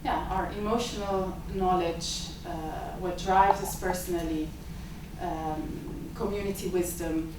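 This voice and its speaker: Here a lab director hosting a symposium delivers the opening remarks, her lowish voice fairly even in intonation and measured in pace. A native Italian speaker, she sounds hesitant and leans on many fillers. The distant microphone captures an echoey, noisy seminar room.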